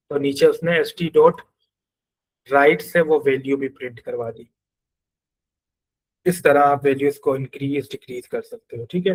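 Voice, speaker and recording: A male programming teacher with a Pakistani Urdu accent talks through a coding lesson on screen. He thinks aloud and walks through each step, in a voice that sits a little higher than most men's. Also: poor audio. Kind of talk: screen-share coding class.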